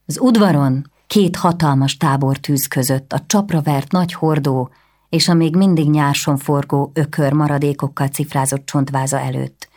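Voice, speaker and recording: A woman reading a historical novel aloud as an audiobook narrator, in a measured, even way. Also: deep voice. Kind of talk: scripted narration.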